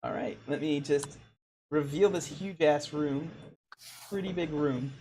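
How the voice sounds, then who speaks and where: A game master running a tabletop game, reading out room descriptions with many pauses and fillers. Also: mid-range voice, dark tone, slight background noise. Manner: hesitant, lots of ums and uhs.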